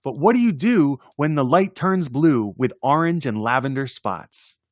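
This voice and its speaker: Medium in pitch with lively intonation, this man speaks a little slowly in a studio-quality recording free of room sound. He presents story time by reading silly children's poems in a chatty, amused manner, chuckling and making casual asides between each one.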